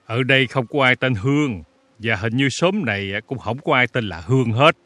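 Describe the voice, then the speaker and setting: A man playing a mild, worried older country father who speaks gently and courteously. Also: mid-range voice, lively intonation, moderate pace, dry recording. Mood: puzzled. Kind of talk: audiobook story reading.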